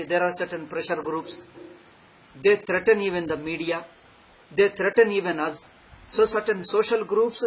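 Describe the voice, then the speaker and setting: High-pitched man teaching, noisy recording. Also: fairly bright tone. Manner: emphatic and repetitive, restating phrases. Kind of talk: extempore religious discourse. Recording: clearly noisy live recording.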